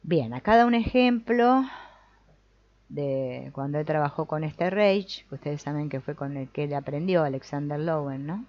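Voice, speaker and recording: Her voice sits low and is expressive, moving at a moderate pace as she runs a family constellations group. She reads from a book, offers reflective comments, and keeps checking in with a "no?" or "mm?". Everything sounds dry, dull, and lo-fi.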